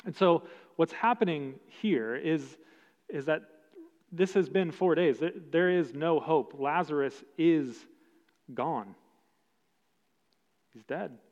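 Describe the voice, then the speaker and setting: Male pastor, measured emphatic sermon delivery, muffled recording in a large reverberant room. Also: on the high side, darkish tone. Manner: slow, emphatic preaching with long pauses. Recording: dull sound with long hall reverb.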